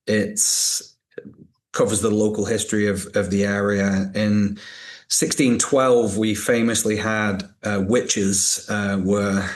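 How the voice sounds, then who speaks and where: A man in his fifties with a Northern English accent softened by American, telling his own story reflectively as an interview guest, often repeating words as he goes. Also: on the low side. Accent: Northern English softened by American, transatlantic. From Northern England. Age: 50s. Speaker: podcast guest, museum director. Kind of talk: conversational interview, personal storytelling.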